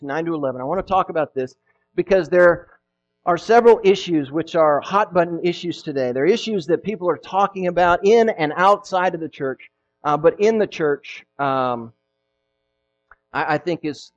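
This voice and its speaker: A man preaching a sermon as pastor, emphatic and rising to loud peaks, with frequent restarts. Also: a little high, lo-fi sound.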